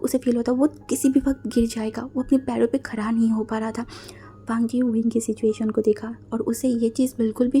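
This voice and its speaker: A woman with an Indian accent narrating a fan fiction romance, chatty and casual, often slipping into a whisper. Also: a little high. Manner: casual, mixes English words into Hindi; drops into whispers for intimate scenes. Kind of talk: storytelling narration with acted dialogue. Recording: soft background music.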